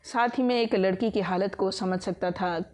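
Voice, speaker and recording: A woman narrating a romance novel as an audiobook. Her storytelling is steady and emotive. Her pitch sits in an ordinary middle range. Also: moderate pace.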